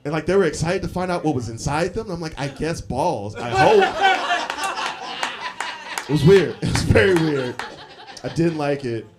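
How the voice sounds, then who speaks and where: A man in his forties telling stories in a live stand-up set, animated and laughing often between lines. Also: a little high, normal speed, pauses often, a crowd in the background. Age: 40s. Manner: animated storytelling, frequent laughs and fillers. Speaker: stand-up comedian. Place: comedy club stage with audience. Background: audience laughter.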